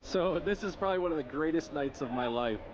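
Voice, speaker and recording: High-voiced man vlogging over background noise. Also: lively intonation, fast talker, lo-fi sound. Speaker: vlog host. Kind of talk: casual travel vlog chat. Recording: noisy on-location vlog sound.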